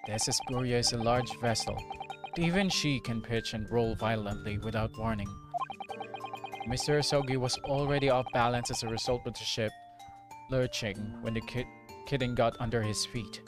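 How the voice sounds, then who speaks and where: A male streamer works through a mystery game live, voicing the detective's lines in a measured, formal tone. His voice sits in an ordinary middle register. Game music plays clearly underneath him. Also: medium pitch.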